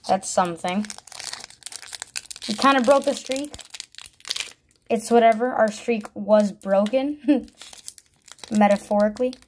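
Slow-talking woman calling out cards. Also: a little high, a little mellow, slight background noise. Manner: calls out each card by name in short bursts, thinking aloud. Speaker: vlogger opening trading card packs. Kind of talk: casual unboxing commentary.

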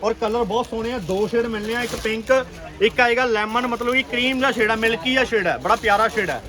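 A man with a Punjabi accent giving an urgent, repetitive, enthusiastic sales pitch as a shop seller on an online video. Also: fast talker, bright, forceful tone. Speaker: clothing shop seller presenting stock. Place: busy clothing shop.

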